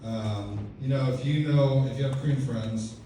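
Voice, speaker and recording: On a comedy club stage, a man in his fifties from Texas, USA, delivers a stand-up set of dry, self-deprecating stories packed with casual fillers. He speaks at normal speed in a mellow, mid-range voice. The distant mic picks up echoey club sound, a little hiss or hum, and audience laughter.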